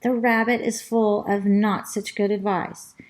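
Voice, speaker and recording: A woman reading a children's storybook aloud as a chatty, fussy pet parrot who narrates the tale, in a slow, sing-song rhyming manner. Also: mid-range voice, flat delivery, lightly acted. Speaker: storybook reader.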